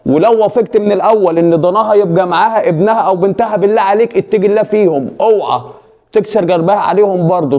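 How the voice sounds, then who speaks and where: A man's voice: sits high, dark tone, muffled recording. A man with an Egyptian accent speaking directly to viewers, pleading and preachy as he gives advice. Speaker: video creator giving advice.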